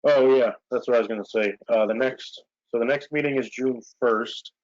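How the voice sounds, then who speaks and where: Over muffled, lo-fi video call audio with no echo, a man runs a village board meeting in a casual, rambling way full of fillers. He speaks in a mid-range voice at a moderate pace.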